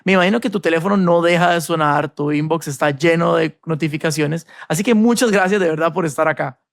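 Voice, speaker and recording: Gravelly, higher-voiced Costa Rican host. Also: male voice, a little fast, no room sound, clean studio sound. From Costa Rica. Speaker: podcast host. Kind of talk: scripted podcast intro and interview.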